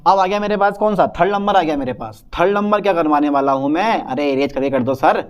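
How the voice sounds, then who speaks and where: A man's voice: on the high side, fast talker, clear, resonant tone. A young man lecturing on chemistry at a whiteboard, talking to his students and answering his own questions in a student's voice. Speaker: chemistry teacher.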